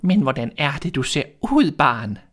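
A man reading a fairy tale aloud and voicing a wicked queen disguised as an old peddler woman in a high, drawn-out, wheedling tone. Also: sing-song, a bit bright, breathy edge, full character voice. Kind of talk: storybook reading.

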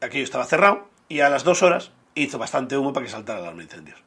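Fast-talking man telling a rowdy story. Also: mid-range voice. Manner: crude, animated anecdote-telling with acted quotes. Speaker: podcast co-host. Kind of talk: casual storytelling chat.

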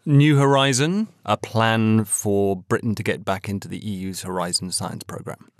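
A man on an editors' panel of a news podcast, explaining stories in a measured, fact-laden way. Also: lowish voice, no echo, studio quality.

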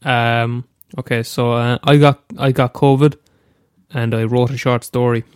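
A young Irish amateur storyteller with a head cold reads aloud a short story he wrote, after a hesitant, casual introduction. His mid-range voice is smooth, flat and a little slow, captured in a dry, studio-quality recording.

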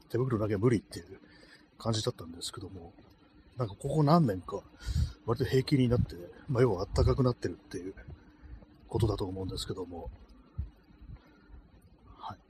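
A man's voice: lowish voice, a little mellow, a little hiss or hum. A man hosting a casual solo podcast, talking into his phone while walking a night street, rambling with many fillers. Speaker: podcast host. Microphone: phone held in cold hands. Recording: faint street ambience outdoors.

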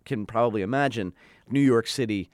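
A middle-aged guest in a casual interview tells a story chattily, saying "like" constantly and acting out what people said. His mid-range voice is brisk, with a dry, studio-quality recording.

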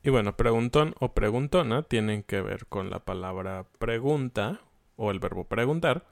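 A man's voice: fairly low pitch, expressive, normal speed, gravelly, no room sound, studio quality. Conversational Mexican man teaching Spanish. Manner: conversational, asks the audience questions. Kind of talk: casual language lesson.

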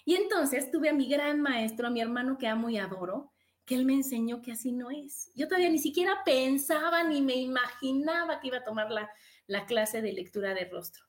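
A woman's voice: high voice, expressive, brisk, echoey room. A middle-aged woman hosting a motivational podcast, emphatic and full of rhetorical questions. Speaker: podcast host. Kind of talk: motivational talk.

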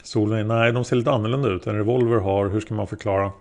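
A man reading the questions of a patient female interrogator, gently probing a witness. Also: on the low side, fairly even intonation, close to an everyday voice. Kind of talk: read-aloud interrogation transcript.

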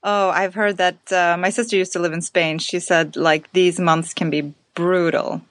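A woman's voice: on the low side, flat delivery, moderate pace, dry recording. A woman hosting a podcast interview, upbeat and giggly in casual chat. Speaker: podcast host.

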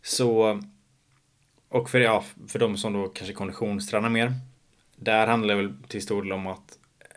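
A young man in his twenties, slightly hoarse from shouting, talking alone in a casual monologue podcast, rambling with many fillers and casual swearing. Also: on the low side, flat delivery, long pauses. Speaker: podcast host.

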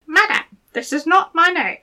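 A woman voicing a small, scheming male hobgoblin who bargains in a high, squeaky voice. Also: animated, moderate pace, sharp tone, heavily acted. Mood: sly bargaining.

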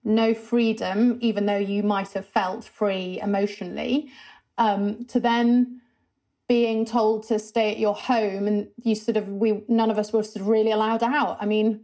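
A woman hosting an interview, asking quick, empathetic follow-up questions. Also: medium pitch, little pitch movement, warm tone. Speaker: podcast interviewer. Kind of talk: conversational interview.

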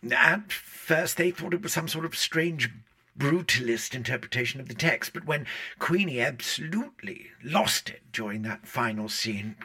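A pompous, theatrical drama-club man, talking in a formal, grandly measured way in a mockumentary interview. His voice has a husky edge. It is pushed with a tense, forceful brightness. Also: mid-range voice, animated. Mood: grave.

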